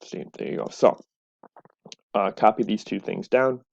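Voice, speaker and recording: A man's voice: fairly low pitch, a little slow, gravelly, a little mellow. Male teacher, recorded lecture over a webcam, slightly dull sound, patient explanations. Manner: explanatory, with frequent "right?" and "so".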